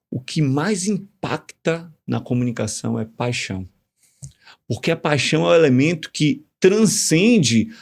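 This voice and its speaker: A man explaining ideas in a casual podcast conversation, animated and teacherly, full of examples. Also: fairly high pitch. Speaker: communication guest.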